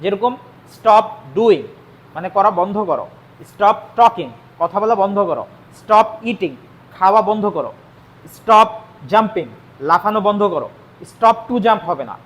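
A man from Bangladesh, teaching spoken English in a classroom lesson. He explains slowly and repeats each phrase in Bengali and English. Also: high-pitched, a bit bright.

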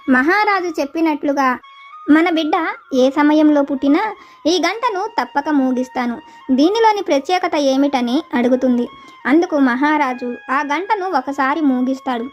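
A woman narrating a folk tale about a king and his queens in a steady, even storytelling manner. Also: high-pitched. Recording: dull lo-fi with faint music.

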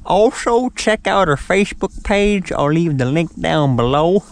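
A man's voice: on the high side, animated, unhurried, vocal fry. A man with a Southern accent hosting a fishing show, chatting in a folksy, joking way from a boat on a lake. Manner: folksy, joking, calls his buddy "son". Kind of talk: casual chat while fishing.

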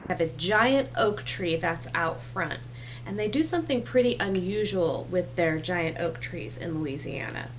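Low-voiced woman vlog host. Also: animated, unhurried, a little hiss or hum, poor audio. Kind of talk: presenting to camera. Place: small indoor room.

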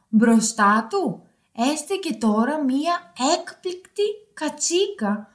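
A woman reading a storybook aloud for children in an expressive, sing-song way. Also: extremely high pitch. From Greece.

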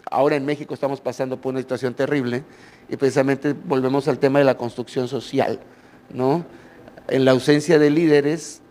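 A man's voice: medium pitch, darkish tone. Mexican male audience member, friendly, rambling, filler-heavy, handheld mic. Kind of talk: question from the floor. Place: conference hall, indoors.

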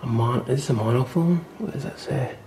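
A man giving a casual, excited walk-through vlog of an old mansion, chatty and often dropping to a murmur. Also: medium pitch, a little fast, slight background noise. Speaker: vlogger touring a historic mansion. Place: indoors, large old house.

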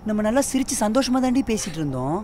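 A man's voice: sits high, big pitch swings, fast talker, darkish tone. A man plays a young husband who pleads with his pregnant wife and tries to soothe her. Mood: exasperated. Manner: pleading, soothing, repeats please. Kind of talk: Tamil web series drama, dubbed. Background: film score music.

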